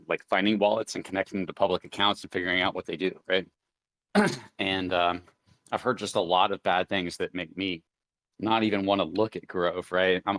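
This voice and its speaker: A man with a very low voice hosts a casual live chat, rambling and thinking aloud with plenty of fillers. The sound is dry and close, with no room around it. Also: a bit bright, dry recording. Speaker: crypto show host.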